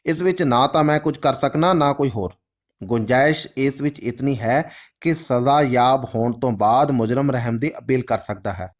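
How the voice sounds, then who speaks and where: A man doing a stern formal official, measured, lawful, storybook reading. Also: medium pitch, lightly acted. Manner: formal, measured, Urdu-flavored phrasing.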